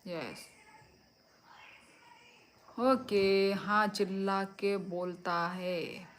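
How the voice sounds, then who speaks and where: Middle-aged woman, unhurried livestream chat, phone mic at home. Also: mid-range voice, a bit bright, a little hiss or hum. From Tripura, India. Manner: slow, easygoing, answers viewers one by one. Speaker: livestream host. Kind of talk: casual live chat reading comments. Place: home at night.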